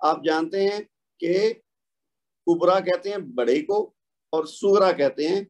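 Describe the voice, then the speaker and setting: A man teaching a recitation lesson, patiently explaining rules, asking questions and answering them himself, and sounding out examples. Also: on the high side. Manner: patient, asks and answers his own questions. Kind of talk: tajweed lesson, explaining and modeling pronunciation.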